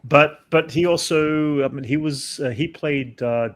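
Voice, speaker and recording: A man's voice: a little high, measured pace. A man hosting a casual pop-culture chat, rambling with many fillers and restarts. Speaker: podcast host.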